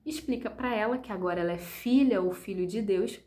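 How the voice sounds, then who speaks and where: Woman at a middle pitch, patient teacher of children's ministry, speaks straight to viewers, encouraging, filler-heavy. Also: brisk, dark tone. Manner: patient, explanatory, with many fillers; addresses viewers directly, encouraging. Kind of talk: instructional video talk.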